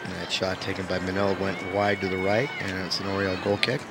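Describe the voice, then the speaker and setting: A middle-aged man with a squeaky voice giving terse, matter-of-fact live soccer commentary outdoors. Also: monotone, brisk. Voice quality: squeaky voice with throat-clearing. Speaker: soccer play-by-play announcer. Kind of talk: live local sports commentary. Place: outdoors at an evening soccer field. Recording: noisy outdoor field recording.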